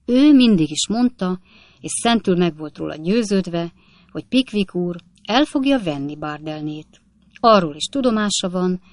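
Lower-voiced woman reading an audiobook. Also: no room sound. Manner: lively, expressive storytelling. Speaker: narrator. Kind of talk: audiobook reading of a classic novel.

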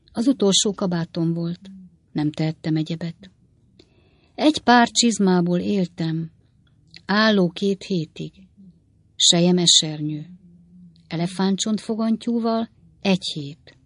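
A woman's voice: on the low side, no echo, lightly acted. A woman doing a choppy-talking broke swindler. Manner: clipped, choppy phrases. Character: down-and-out male swindler, clipped jerky talker.

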